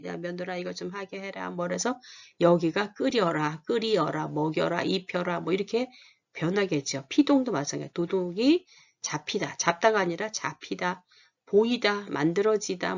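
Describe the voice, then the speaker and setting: Lower-voiced woman teaching a lesson. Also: vocal fry. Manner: asks the class questions and answers them herself. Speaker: Korean language teacher. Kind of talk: explanatory lecture. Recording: dull lo-fi recording.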